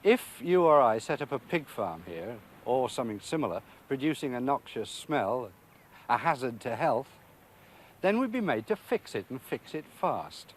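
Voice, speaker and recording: A man, a doctor, giving measured answers in an interview. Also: mid-range voice, very animated, slight background noise.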